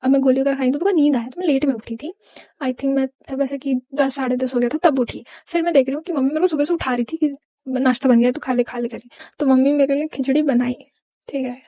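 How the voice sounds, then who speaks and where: A woman's voice: high-pitched, quick pace, mellow, no room sound. A young woman vlogger telling a personal story in an emotional, rambling, confessional way. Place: home.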